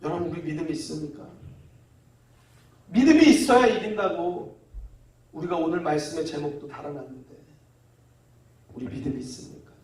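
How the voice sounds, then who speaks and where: A male pastor preaching in a relaxed, conversational way, often asking the congregation to repeat after him. His fairly high voice rings through a large, echoey sanctuary, picked up from a distance. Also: normal speed, pauses often, slight background noise. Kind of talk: sermon. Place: church sanctuary. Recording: echoey church hall from far off.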